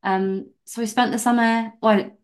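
A woman's voice: on the high side, steady tone, moderate pace. A young woman from England, a podcast guest, chatting casually and animatedly with lots of "like" fillers. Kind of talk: casual interview chat.

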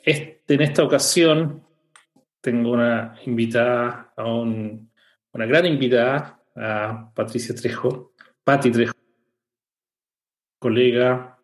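A man hosting a podcast, talking in a relaxed, halting way with frequent restarts. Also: mid-range voice. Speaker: podcast host. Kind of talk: casual interview chat.

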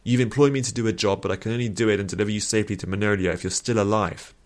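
A man's voice: fairly low pitch, lively intonation, fairly quick. A man voicing an exasperated, snappish hired guard who scolds a princess.

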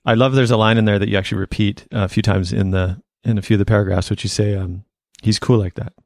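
A male podcast host with a fairly low voice who asks his questions haltingly, searching for words. The recording is dry and close, with no room sound. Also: steady tone, gravelly, darkish tone, dry recording. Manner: hesitant, searching, many fillers. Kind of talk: interview questions.

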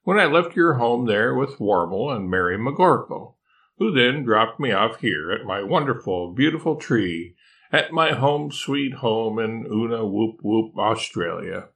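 A man's voice: on the low side, expressive, measured pace, vocal fry, a bit bright, exaggerated voice. An older man voicing a drowsy, confused male koala who pleads in rising questions in a storybook. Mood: insistent bewildered.

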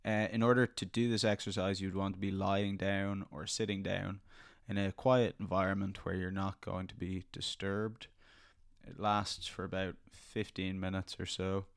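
Male meditation guide: deep, clear voice, composed and measured. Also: no echo, studio quality. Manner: calm, unhurried, measured delivery. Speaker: podcast host guiding a meditation.

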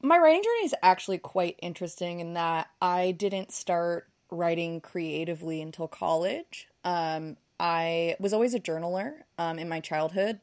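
A woman's voice: fairly low pitch, gravelly. A woman in her thirties talking candidly as a podcast guest, with lots of fillers and self-deprecating asides. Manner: candid and self-deprecating, many ums and likes. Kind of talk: casual conversation.

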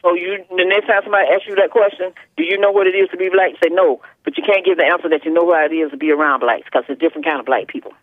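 A woman's voice: lowish voice, fairly even intonation, rapid-fire, few pauses, no room sound. A woman calling in to a talk show, bantering with opinions and talking on nonstop over interruptions. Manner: nonstop talker, keeps going over interruptions. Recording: muffled narrow phone line.

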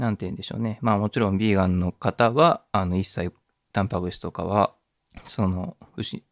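A man talks alone into a close mic, thinking aloud about what he has seen. His voice sits a little low, and the sound is dry with no room around it. He circles his points with fillers and restarts in a relaxed, reflective way. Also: no room sound. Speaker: podcast host. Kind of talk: casual solo podcast talk.

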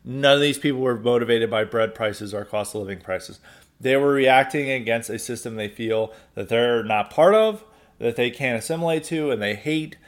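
An American man hosting a solo commentary podcast, talking loosely and conversationally, often exasperated and sarcastic. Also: mid-range voice. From United States. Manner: sarcastic, exasperated, with mocking quoted voices; loose, conversational, with frequent restarts. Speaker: podcast host.

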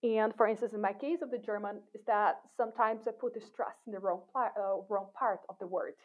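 A woman's voice: medium pitch, brisk. A woman researcher being interviewed, talking thoughtfully with frequent restarts. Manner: thoughtful, with many restarts and fillers. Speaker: guest, cognitive science researcher. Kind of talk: casual interview talk. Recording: tinny phone-like call audio.

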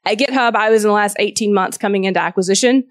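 A venture capital partner from Georgia with a Southern US accent gives an informal, chatty and conversational talk, asking the audience questions. Her voice is mid-range and quick, recorded in studio quality with no echo.

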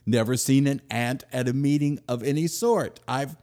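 A man hosting a podcast, telling a comic story in a wry, self-mocking way, swinging between loud and murmured. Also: medium pitch, normal speed. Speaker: podcast host, author.

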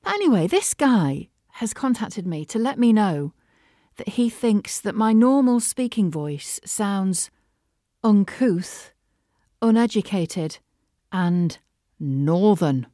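A middle-aged woman with a Mancunian accent, hosting a casual solo podcast from her studio, chatty and animated. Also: medium pitch, measured pace, dry recording. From Manchester, England. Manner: chatty and animated, laughs often. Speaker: podcast host and voiceover artist. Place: home studio.

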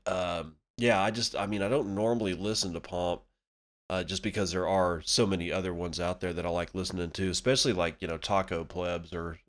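A man hosting a podcast solo, talking casually in a blunt, irreverent, sweary way. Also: sits low. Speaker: podcast host.

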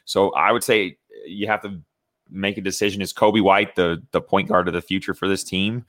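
Young Indiana man, deep low voice, casual sports-podcast co-host, rambling fillers, dry close mic. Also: steady tone, normal speed, a bit bright, no echo. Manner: conversational, many fillers and restarts.

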